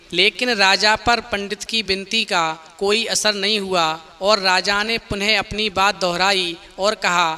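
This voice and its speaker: A man tells a devotional folk tale in an earnest, steady storytelling cadence. His voice sits high for a man and has a very sharp, tense, cutting edge.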